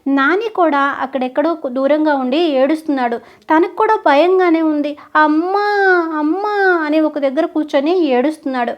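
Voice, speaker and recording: A woman narrating a scripted story in an expressive, dramatic way. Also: high voice, normal speed, dull audio.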